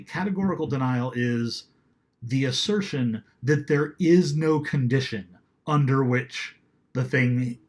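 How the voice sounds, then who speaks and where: A man teaching a recorded class lecture in a conversational way, now and then reading quoted lines aloud with dramatic flair. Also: medium pitch.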